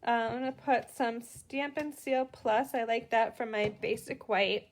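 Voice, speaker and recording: A woman's voice: fairly high pitch, steady tone, unhurried. A middle-aged woman with a Boston accent, chatting through a live card-making tutorial and greeting viewers as she works.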